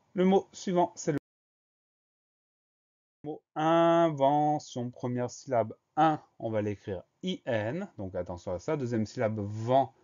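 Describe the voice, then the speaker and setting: A man's voice: medium pitch, a little mellow, muffled recording. A man teaching a spelling lesson, patiently spelling words letter by letter. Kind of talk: slow dictation lesson.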